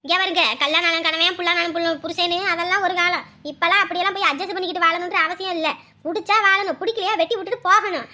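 A woman playing a fiery, outspoken middle-aged village mother who scolds fast and loud. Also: extremely high pitch, fairly even intonation, full character voice. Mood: furious. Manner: loud scolding, rapid-fire outrage. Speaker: mother in a family drama. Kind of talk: web drama acting.

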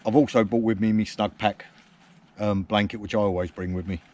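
This Englishman's voice sits on the low side, with a darkish tone, fairly even intonation and a brisk pace, plus a little hiss or hum. As a camping vlogger at a woodland camp, he talks casually to a close tripod-mounted camera, teasing his mate with cheeky banter and mocking himself dryly.

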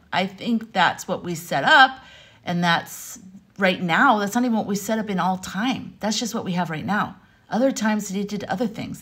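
An American woman from Arizona in her thirties or forties, a vlogger and life coach, talks to camera indoors at home in a room with wooden beams. She tells personal stories in an animated, rambling, conversational style. Her voice is medium in pitch with a breathy edge.

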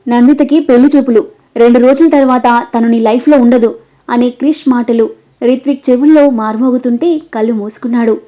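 A woman narrating a romantic story in a steady, expressive storybook reading, on a dull, lo-fi recording. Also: a little high, a little fast.

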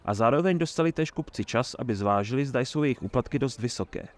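A man narrating a fantasy audiobook in a steady, measured reading voice. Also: mid-range voice.

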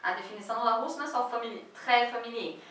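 A Brazilian woman teaching French in a casual online lesson, chatty and quick to laugh, saying the French phrases slowly. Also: fairly high pitch, a bit bright, very echoey, far from the mic, rough recording. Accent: Brazilian Portuguese.

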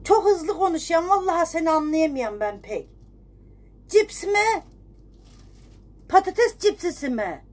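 A woman's voice: extremely high pitch, lively intonation, a little slow, pauses often. A middle-aged woman on one side of a phone conversation, folksy and scolding, piling up rhetorical complaints. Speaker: phone call recipient refusing a credit card offer.

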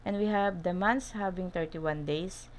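A woman with a slightly low voice and a Filipino accent gives an instructive slide lesson. She switches between English and Tagalog in the middle of sentences and often checks in with short tag questions. There is clear background noise behind her. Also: moderate pace, poor audio. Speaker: math teacher.

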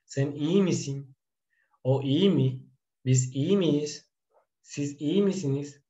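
A man teaching Turkish, slowly drilling question forms and explaining in quick, casual asides. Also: on the high side, mellow, muffled recording. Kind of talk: casual language lesson.

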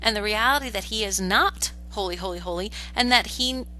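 A woman teaching a Bible study lesson in an earnest, explanatory way, often pausing with "uh" and restarting her sentences. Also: medium pitch, bright, forceful tone, slight background noise, low-quality recording.

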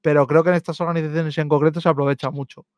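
A man co-hosting a loose esports podcast, his voice smooth and resonant and set a little high. The sound is close and dry, with no room around it. He jokes, teases the others and swears freely. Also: level tone, racing, a little mellow, no echo. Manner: joking, swears freely, talks over others. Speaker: podcast co-host. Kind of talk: casual esports chat.

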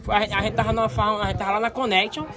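A man's voice: sits high, little pitch movement, fast talker, crowd noise. A young man from the Northeast of Brazil telling a rambling story on a sofa, repeating himself as he goes. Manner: rambling, repeats words, laughs mid-story. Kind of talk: casual storytelling chat. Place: indoors on a sofa.

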